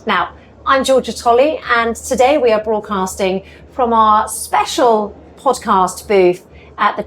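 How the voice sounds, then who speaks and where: A woman hosts a podcast interview with an eager, chatty delivery. Her voice sits in a middle register. She records in an event booth, with a faint hum of ambience behind her. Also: mid-range voice. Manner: enthusiastic, chatty questions. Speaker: podcast host.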